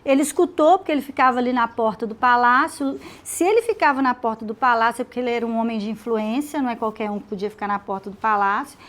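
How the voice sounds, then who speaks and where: High-voiced woman teaching the Bible. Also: fast talker, few pauses. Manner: animated storytelling with acted dialogue. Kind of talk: women's Bible study teaching.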